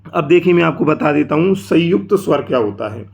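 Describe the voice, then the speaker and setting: A man teaching a language lesson, explaining slowly and step by step, sometimes drawing out sounds to show them. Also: fairly high pitch, expressive, vocal fry. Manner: slow, explanatory, often drawing out sounds to demonstrate. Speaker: Sanskrit teacher.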